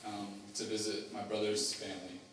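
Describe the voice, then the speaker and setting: A young man giving a personal testimony as a student, halting, with many fillers and restarts. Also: lowish voice, flat delivery, fairly bright tone, a little hiss or hum. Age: young adult. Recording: echoey hall, mic far off, faint ambience.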